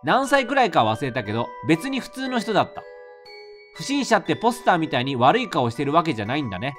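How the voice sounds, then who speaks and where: A man's voice: on the high side, sing-song, fast talker, a bit bright, faint music behind. A man reading aloud the part of a girl recalling a childhood encounter from a horror novel, in a plain storytelling way. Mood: calm recounting.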